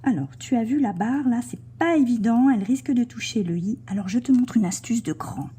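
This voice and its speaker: A woman teaching young children to write in cursive, slowly and gently describing each stroke as she writes and now and then dropping to a soft whisper. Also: on the high side, animated, slightly rough. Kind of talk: handwriting lesson for children.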